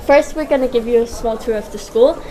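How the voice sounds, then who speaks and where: A woman's voice: a little high, a little fast, background noise. Young Swiss woman guiding a tour. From Switzerland. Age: young adult. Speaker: student tour guide. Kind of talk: scripted school tour.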